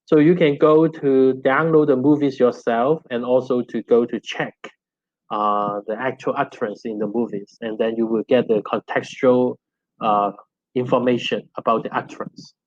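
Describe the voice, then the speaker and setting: A middle-aged linguistics professor from Hong Kong, a native Cantonese speaker with the accent to match, fields questions as a guest lecturer after an academic talk, often repeating words while explaining. His mid-range voice comes through dull, band-limited online call audio with no echo.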